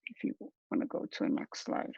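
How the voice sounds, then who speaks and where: A young man with a slightly mellow voice gives a student presentation over a video call, explaining things in a hesitant, halting way. The call audio is dull and lo-fi, with no room sound.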